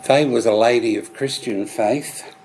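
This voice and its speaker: A man conducting a memorial service as celebrant, reading a formal eulogy in a solemn, gentle, measured way with frequent pauses. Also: medium pitch, a little hiss or hum, poor audio.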